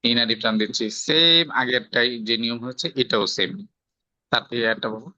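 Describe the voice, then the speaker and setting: Bright-voiced Bangladeshi man teaching recitation. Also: medium pitch, brisk, no echo. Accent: Bangladeshi Bengali. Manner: explains step by step, checks for understanding with rhetorical questions. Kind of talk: patient tajweed lesson, quizzing a student. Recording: slightly dull, dry lo-fi sound.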